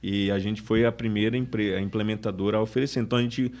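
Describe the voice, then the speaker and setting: A man's voice: fairly low pitch, steady tone, fast, darkish tone. A man, a sales manager talking casually in a podcast interview, often restarting his sentences. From Brazil. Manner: chatty, restarts sentences often, acts out customer quotes.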